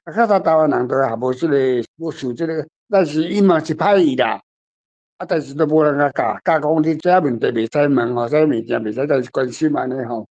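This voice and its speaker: A guest author, an older man with a Taiwanese accent, answers questions in an unscripted literary discussion, rambling plainly and emphatically and repeating himself. His voice is a little high and darkish, his pace fairly quick, and the audio sounds dull.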